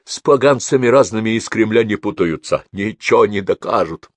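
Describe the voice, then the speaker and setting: A man voicing a foul-mouthed old man in his eighties on his deathbed, gruff and short of breath. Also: lowish voice, animated, moderate pace, dry recording, voice pushed up. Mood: grumbling.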